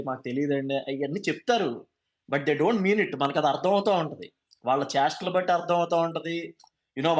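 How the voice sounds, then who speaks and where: Emphatic man, higher voice. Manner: emphatic, mixes English phrases into Telugu. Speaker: fan commentator. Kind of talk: passionate casual monologue.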